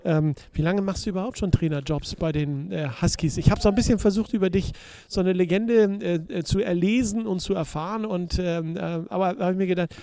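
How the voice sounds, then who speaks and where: A man hosts a relaxed interview in a notably high voice. He sounds eager and friendly, often stalling with filler sounds before his questions. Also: brisk, gravelly, few pauses. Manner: enthusiastic, hesitant with many fillers. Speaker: podcast host, interviewer. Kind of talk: casual interview.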